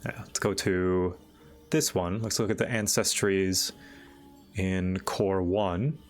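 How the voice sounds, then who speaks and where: A man hosting a livestream, chatting casually and thinking aloud in a halting, musing way. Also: low-pitched, fairly even intonation, soft background music. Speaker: livestream host.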